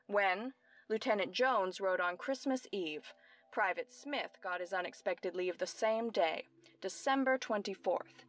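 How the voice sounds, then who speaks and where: Speaking at a measured pace in a medium-pitched, lightly acted voice, an actress portrays a brilliant young woman detective. She precisely explains her deductions in classic radio mystery style, sounding intent and explanatory.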